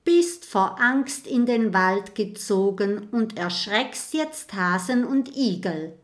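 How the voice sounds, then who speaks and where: A woman's voice: mid-range voice, expressive, slow. A woman voicing a suspicious young male badger who grumbles.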